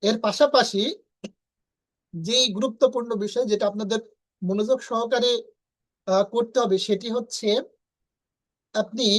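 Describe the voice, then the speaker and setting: A woman's voice: mid-range voice, rough recording. A woman teaching English pronunciation in an online lesson, explaining step by step and repeating letter sounds for drill.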